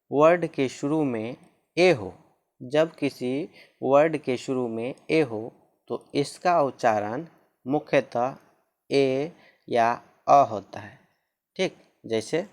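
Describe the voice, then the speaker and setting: A man's voice: mid-range voice, a little mellow. A man teaching a lesson on pronunciation rules, repeating each rule and spelling out words letter by letter.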